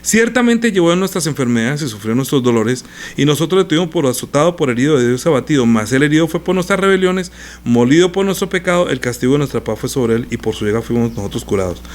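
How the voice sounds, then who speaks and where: A man preaching a conversational Bible lesson, animated and asking the congregation rhetorical questions. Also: mid-range voice, fast.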